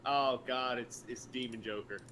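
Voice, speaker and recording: A man's voice: medium pitch, steady tone, moderate pace, sharp tone, a little hiss or hum. A man playing in a tabletop game, hesitantly stating actions and asking curious rules questions. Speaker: player. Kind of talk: casual tabletop play.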